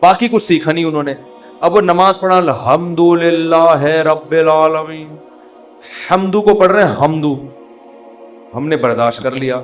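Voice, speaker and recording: A man giving an informal Islamic sermon, animated and conversational, mimicking chanted calls to prayer to make his points. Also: high voice, soft background music. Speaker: Islamic preacher.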